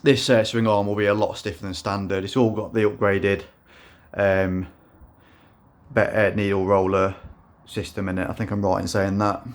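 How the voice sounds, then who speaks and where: A man showing his custom motorbike in a casual vlog, speaking in a self-described monotone with many fillers and restarts. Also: on the low side, normal speed.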